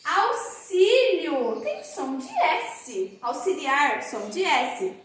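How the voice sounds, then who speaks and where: A woman teacher leads a primary school phonics lesson and draws out each word slowly as she dictates. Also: high-pitched, wildly swooping pitch, a bit bright. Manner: slow, drawn-out dictation of words. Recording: very echoey room.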